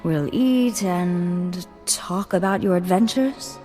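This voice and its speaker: In a video game cutscene, an actress plays a refined noblewoman with formal poise and cool flirtation. Her voice is fairly low, slow and dark-toned, set against music and a long hall reverb.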